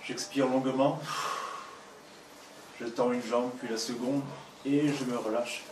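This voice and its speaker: A man leading an abdominal workout, counting repetitions and giving slow, repeated breathing cues while he does the exercises himself. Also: mid-range voice, fairly even intonation, recorded from a distance. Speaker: fitness coach. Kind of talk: guided exercise instruction. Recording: roomy, off-mic with clear background noise.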